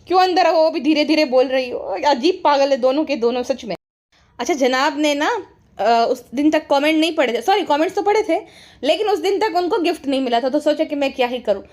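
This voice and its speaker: A woman giving casual commentary in a sarcastic, mocking way. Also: high-pitched. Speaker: commentary YouTuber.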